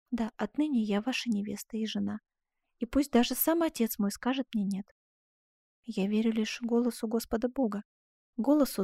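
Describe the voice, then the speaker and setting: A woman reading an audiobook, voicing a gentle, earnest young noblewoman in love in a tender, pleading way. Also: on the high side, dry recording, clean studio sound. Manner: tender, pleading, sometimes breathless.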